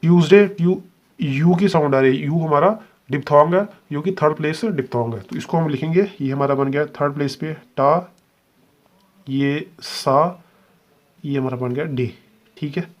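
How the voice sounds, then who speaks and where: A man's voice: on the high side, highs cut off. A man teaching a shorthand lesson step by step, patiently spelling out each sound and checking understanding. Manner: patient, repeats "ठीक है" and spells sounds out slowly.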